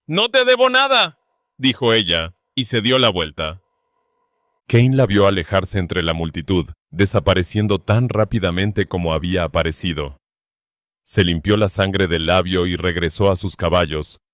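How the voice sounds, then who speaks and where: A man giving a scripted, steady and dramatic narration of a western story. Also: sits low, no echo, clean studio sound.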